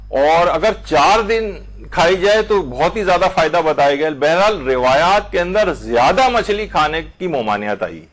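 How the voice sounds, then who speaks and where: Pakistani urdu accent, guy teaching a religious lesson, voice kinda high, explains step by step, drags out arabic phrases slow. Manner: explanatory, recites Arabic phrases slowly to show vowel changes. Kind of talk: lecture on Islamic jurisprudence.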